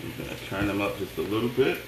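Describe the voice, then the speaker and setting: A middle-aged man with a lowish voice works as a cooking show host, explaining each step in short, casual phrases and approving asides. He is recorded a little away from the mic in an echoey kitchen, with pans sizzling loudly behind him. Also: lively intonation, fast, distant mic, background noise. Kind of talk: cooking show host demonstrating a recipe to viewers. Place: home kitchen, indoors. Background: frying sizzle and stirring.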